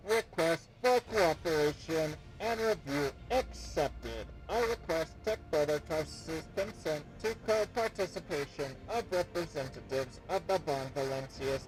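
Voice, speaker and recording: A man voicing a cold robotic machine servitor unit with a metallic, clanging voice and slow, procedural delivery. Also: fairly high pitch, pitched above the performer's own voice, close to an everyday voice, poor audio. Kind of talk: reading game dialogue aloud.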